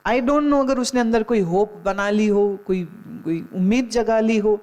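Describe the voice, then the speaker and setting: The voice is mid-range, a little slow, and darkish. It belongs to a middle-aged woman spiritual teacher in a Gita discourse who tells stories, admonishes listeners, and slips in English phrases.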